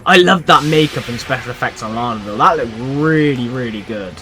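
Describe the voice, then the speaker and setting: A man hosting a reaction video, chatting casually and reacting loudly, sometimes swearing. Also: mid-range voice, lively intonation, a little fast. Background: show soundtrack music.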